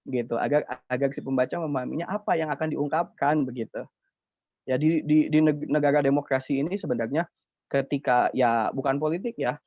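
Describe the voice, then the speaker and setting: A young man with a Sundanese accent gives a chatty, animated lecture on poetry to students. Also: fairly high pitch, no room sound. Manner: chatty, animated, uses fillers. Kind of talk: informal online lecture. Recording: dull dry lo-fi recording.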